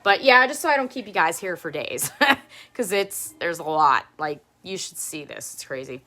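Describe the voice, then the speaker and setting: A low-voiced woman in her thirties laughs often as she casually rambles through a live-streamed show and tell from home. She uses lively intonation and a normal speed, and her voice sounds pushed and bright.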